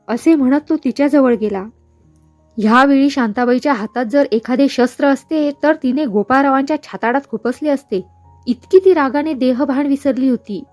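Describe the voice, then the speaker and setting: A woman reading a novel aloud, steady and expressive. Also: high voice, no room sound. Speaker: novel reader.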